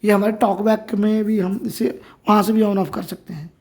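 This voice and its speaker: A man's voice: high-pitched, little pitch movement, moderate pace, gravelly, darkish tone. An Indian man giving an informal phone tutorial, explaining each step as he goes. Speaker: tutorial presenter.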